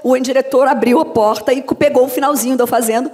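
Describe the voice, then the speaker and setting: A woman with a Brazilian accent, a voice actress and dubbing director, giving a lively talk to an audience and acting out anecdotes as she goes. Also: sits high, quick pace. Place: lecture hall. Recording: long reverb of a hall.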